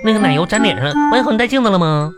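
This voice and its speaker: A woman's voice: mid-range voice, animated, racing, close to an everyday voice. A woman acting a ditzy, vain young office worker in a live comedy radio drama, whiny and childish. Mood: sulky. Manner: whiny, sulky, childish, keeps saying "oh my mom". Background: background music.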